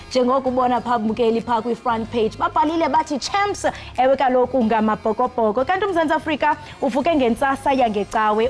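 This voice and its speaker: A woman news presenter from South Africa with a Xhosa accent and a fairly high voice. She addresses viewers directly as she goes through the morning news, with music playing underneath. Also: darkish tone. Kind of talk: news presenting, morning bulletin and paper review.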